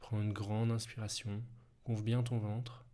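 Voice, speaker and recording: A man guiding a hypnosis session slowly in a soft, hushed, intimate voice, as if right in your ear. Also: lowish voice, little pitch movement, slight background noise. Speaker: hypnosis guide, video host.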